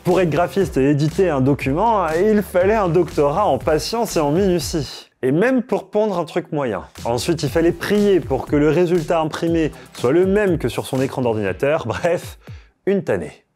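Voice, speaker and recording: A man's voice: fairly high pitch, big pitch swings, normal speed, a little mellow. Playful French tech explainer man. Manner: playful, jokey asides to viewers. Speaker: host of a tech channel. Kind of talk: scripted explainer narration.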